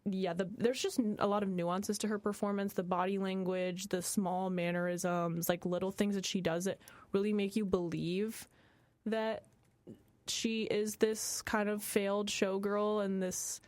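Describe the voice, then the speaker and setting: A woman's voice: mid-range voice, little pitch movement, unhurried, darkish tone, no room sound. Chatty young woman reviewing films, dry sound. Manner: chatty, many fillers like um and like. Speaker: co-host of a college radio film show. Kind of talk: casual film review chat.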